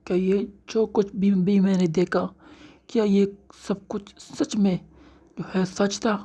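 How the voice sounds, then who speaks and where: A man's voice: high-pitched, little pitch movement, slow, warm tone, pitched above the performer's own voice, full character voice. A man voicing a confused, exasperated young male hero in a story recap, whiny and pleading. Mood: bewildered.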